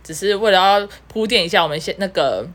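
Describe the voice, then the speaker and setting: A woman rattles through a casual podcast chat. She tells anecdotes at a quick clip, with a giggly, easygoing manner. Her pitch sits in a middle range. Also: fairly bright tone. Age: 30s. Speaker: podcast co-host.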